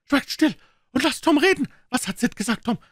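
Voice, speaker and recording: Brief: a fervent old aunt in a storybook reading, very high voice, dry sound. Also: male voice, expressive, normal speed, slightly rough, dry recording, exaggerated voice. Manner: fervent, exclaiming, invoking God. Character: pious, emotional elderly aunt.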